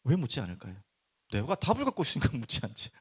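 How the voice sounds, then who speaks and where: A man's voice: medium pitch, wildly swooping pitch, quick pace, husky. A middle-aged male pastor preaching a sermon at a midweek prayer service, firing rhetorical questions and acting out people's inner thoughts.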